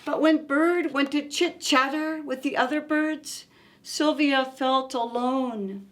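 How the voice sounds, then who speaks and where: A woman with a high voice hosts storytime and takes it slowly, reading a picture book aloud to young kids with expressive, coaxing warmth and questions for them.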